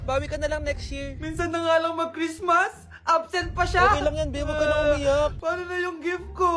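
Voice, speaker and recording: A woman performing short comedy skits, switching between many characters. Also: sits high. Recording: faint music underneath.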